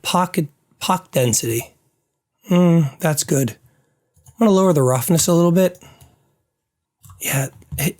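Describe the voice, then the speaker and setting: A man's voice: a little high, darkish tone. Man muttering through his work, voice fading. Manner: muttering to himself, trailing off. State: losing his voice. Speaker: game developer. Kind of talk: thinking aloud while working on screen.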